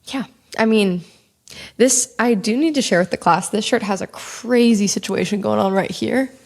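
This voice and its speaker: A young adult woman co-hosts a casual chat podcast, speaking calmly and relaxed, slightly monotone, with a little vocal fry. Her voice is mid-range and her pace moderate.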